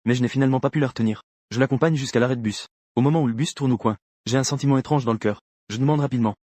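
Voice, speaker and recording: Fast, dry male story narrator. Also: medium pitch, a little mellow, no echo. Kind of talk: first-person story narration for a comic dub.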